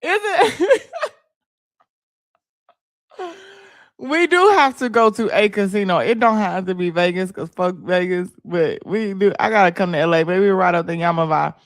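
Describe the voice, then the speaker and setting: A woman hosting a livestream, telling stories in a loud, laughing, profane way. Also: lowish voice, unhurried, long pauses, no room sound, clean studio sound. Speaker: livestream host. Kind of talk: casual livestream chat.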